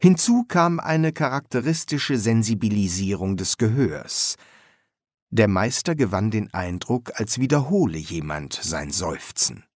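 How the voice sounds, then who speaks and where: A man narrating an audiobook at an unhurried, measured pace, with a voice that is low and lively in its rise and fall. The recording is close and dry, with no room sound. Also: no room sound.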